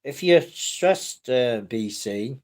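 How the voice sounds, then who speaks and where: A middle-aged British man hosts a livestream, reading viewer comments in a mid-range, expressive, slightly mellow voice. He speaks very slowly, rambling and restarting while keeping his tone casual and reassuring.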